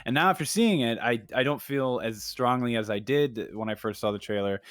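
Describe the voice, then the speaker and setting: A man co-hosting a film podcast, chatting in an easygoing, halting way. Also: mid-range voice, clean tone, dry recording, studio quality. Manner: easygoing, laughs often, halting. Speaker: podcast co-host. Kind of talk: casual film podcast chat.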